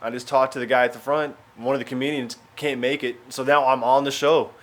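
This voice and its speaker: A man's voice: medium pitch, flat delivery, brisk, fairly bright tone. A young man vlogging his travels in a wry, rambling, self-mocking way. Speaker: travel vlogger and stand-up comedian. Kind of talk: casual vlog chat.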